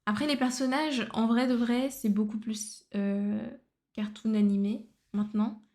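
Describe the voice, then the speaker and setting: A fairly high-voiced woman talks loosely to her livestream audience as she draws. She drifts in and out of English phrases and hums or mutters to herself between thoughts. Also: flat delivery, unhurried, mellow. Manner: chatty, mixes English phrases into French. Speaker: art livestreamer. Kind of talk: casual livestream chat while drawing.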